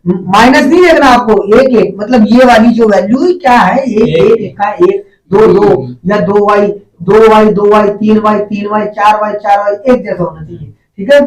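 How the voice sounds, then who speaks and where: High-pitched man teaching math. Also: normal speed, few pauses. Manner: asks questions, addresses students as "beta". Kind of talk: classroom lesson, call-and-response. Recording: echoey room, distant mic.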